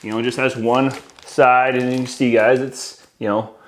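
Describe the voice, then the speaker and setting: An American man in his forties, an audio-video installer, sits at a worktable in an indoor room with a decorated wall and casually walks viewers through products on camera. His voice is medium-pitched and flat, and he talks at a normal speed while addressing the audience directly.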